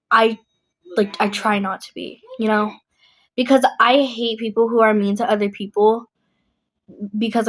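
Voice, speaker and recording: A young adult woman vlogging in a casual, rambling chat, blunt and emphatic, often repeating herself. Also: a little high.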